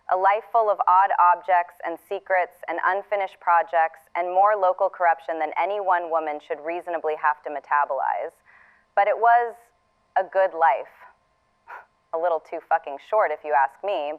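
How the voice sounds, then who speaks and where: This farewell message in audio fiction features an actress with a fairly low, clear, resonant voice playing a wry, tender older woman saying goodbye for the last time. She's reflective and halting, and a narrow filter gives the playback a thin, phone-like quality.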